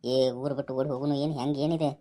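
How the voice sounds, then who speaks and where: A woman playing a scheming young village guy in a comic skit, with a North Karnataka Kannada accent and rapid, scolding banter. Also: sits low, steady tone, dark tone, close to an everyday voice.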